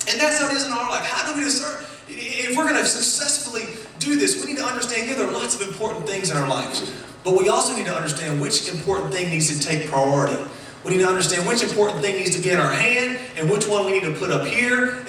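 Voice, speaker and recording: A man delivers a sermon with a high, bright voice, his words ringing around a roomy church hall. The mic sits some way off from him. He keeps things playful and animated, joking with the people in front of him. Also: recorded from a distance, a little hiss or hum. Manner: playful, animated, jokes with the congregation. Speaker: pastor. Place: church sanctuary.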